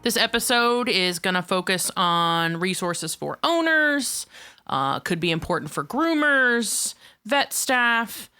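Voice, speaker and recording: A woman's voice: mid-range voice, lively intonation, takes it slowly, bright, forceful tone, smooth, faint music behind. A woman co-hosting a podcast, chatting casually and explaining ideas through step-by-step examples. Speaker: podcast co-host.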